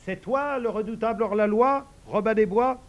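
A man's voice: sits high, normal speed, lo-fi sound, voice pushed up, natural voice. A man voicing an eager boy playing a rival knight, declaiming and indignant. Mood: defiant.

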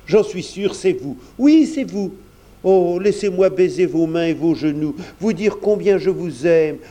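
Emotional young boy, pitch raised high by a male reader, mellow, slow storybook reading. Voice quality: pleading, fervent. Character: young male servant Jean, fervent and grateful.

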